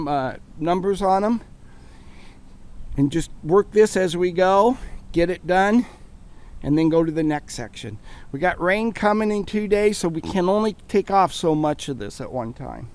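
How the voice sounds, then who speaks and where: High-voiced folksy man on a job site. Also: normal speed, darkish tone, smooth. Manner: folksy, down-to-earth, explains as he works. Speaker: home repair vlogger. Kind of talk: casual on-site vlog narration. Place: outdoors at a house. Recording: outdoor noise behind the voice.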